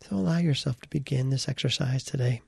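Short, deliberate phrases with pauses mark this man's guided meditation. His medium-pitched voice is dark and relaxed with a strong gravelly fry, and the recording is dry with no room around it.

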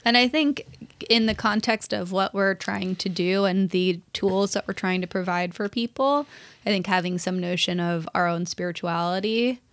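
A woman's voice: mid-range voice, dry recording. A woman in her late twenties from Los Angeles, co-hosting a podcast in a playful, joking way. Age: late 20s. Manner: playful, quick to joke. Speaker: podcast co-host. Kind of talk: casual chat.

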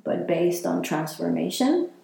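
A woman's voice: fairly low pitch, big pitch swings, unhurried, gravelly, mellow. A woman from Chile, talking reflectively in a casual interview and using many fillers. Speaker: interviewee, healer. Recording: very echoey room.

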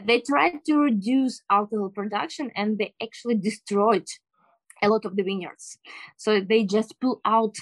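A woman with a Ukrainian accent explaining things in an interview in careful, halting English, often searching for words. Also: medium pitch, no room sound, rough recording. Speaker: interview guest.

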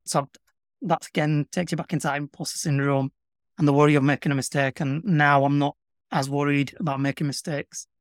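A middle-aged man with a broad Yorkshire accent, speaking in a measured, earnest way as an interview guest. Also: on the high side, fairly even intonation, no room sound, clean studio sound. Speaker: interview guest, public sector communications professional. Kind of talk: reflective conversational interview.

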